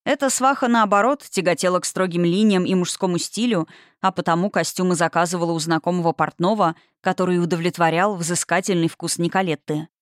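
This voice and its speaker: A woman narrating a romantic fantasy audiobook in an expressive storytelling manner. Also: on the low side, fairly quick, dry recording, clean studio sound.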